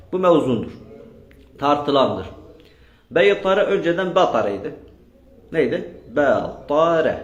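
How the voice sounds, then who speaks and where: A man teaches a grammar class, quizzing his students over and over and repeating their answers back to them. His voice sits at a middle pitch. It rings in an echoey room. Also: highs cut off. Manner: drills students with repeated questions. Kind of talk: classroom lesson with question and answer.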